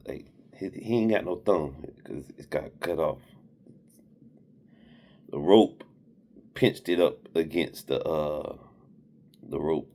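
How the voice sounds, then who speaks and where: A man's voice: extremely low pitch, darkish tone. A man in his forties who works at sea, giving blunt, rambling safety advice to young sailors in a casual vlog. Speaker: maritime worker.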